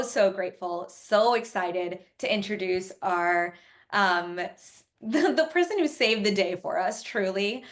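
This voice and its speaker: A woman organizer walks an online audience through announcements. Her voice sits at a middle pitch, and she fills pauses with ums. She restarts phrases now and then in a sincere, appreciative way. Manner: warm, grateful, frequent ums. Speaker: summit organizer introducing keynote. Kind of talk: online event presentation.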